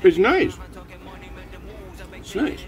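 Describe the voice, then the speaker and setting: A man's voice: sits high, big pitch swings, drawn-out words, soft background music. A man hosting a casual food review show, chatting with his mouth full of noodles. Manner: chatty, talking while eating. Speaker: host.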